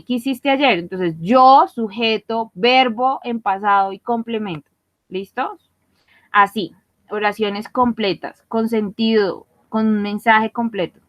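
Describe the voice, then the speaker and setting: A woman teacher with a fairly high voice runs an online English class, explaining grammar step by step and pausing often to check that her students follow. The audio is a little muffled and dull, with a dry close sound and no room around it. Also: dry recording. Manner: patient, checks understanding often. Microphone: computer mic for online class.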